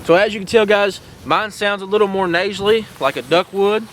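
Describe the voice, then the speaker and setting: High, bright-voiced man teaching. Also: fairly quick, a little hiss or hum, low-quality recording. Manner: folksy and encouraging, repeats "all right" and "guys". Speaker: host teaching duck calling. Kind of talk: casual outdoor instruction.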